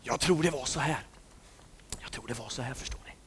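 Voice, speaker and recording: A man's voice: mid-range voice, a bit bright, a little hiss or hum. A man telling a story to children, often dropping into whispers for suspense and asking his listeners questions. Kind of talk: dramatic storytelling.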